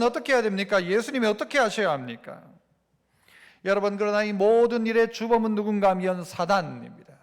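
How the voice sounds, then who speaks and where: A man's voice: very high-pitched, fairly bright tone. A male pastor preaching a Sunday sermon, throwing rhetorical questions at the congregation. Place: church sanctuary. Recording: long church-hall reverb.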